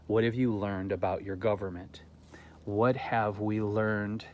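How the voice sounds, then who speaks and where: A man's voice: on the low side, a little hiss or hum. A man hosting his own gardening channel, talking earnestly to camera from his garden and musing aloud with rhetorical questions. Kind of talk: reflective talk to camera. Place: home garden, outdoors.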